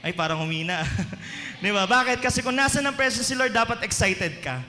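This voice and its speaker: A man's voice: very high voice, lively intonation, brisk, bright, forceful tone, a little hiss or hum. A man with a Filipino accent, preaching a sermon and often asking the congregation questions. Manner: mixes Tagalog and English, asks the congregation questions. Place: church hall. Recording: echoey hall with long reverb.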